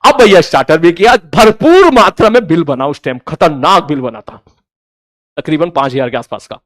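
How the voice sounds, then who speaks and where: Animated high-voiced man telling a story. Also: moderate pace, no echo. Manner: animated storyteller acting out dialogue. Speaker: teacher telling a college story. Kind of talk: casual storytelling.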